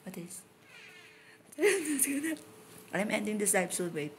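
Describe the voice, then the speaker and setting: A woman from the Philippines talks into her phone while live-streaming outdoors. Her voice sits a little low, and she is chatty and openly emotional with her viewers. A faint background hiss runs under her speech. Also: fairly quick. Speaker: livestreamer. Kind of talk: casual live-stream chat.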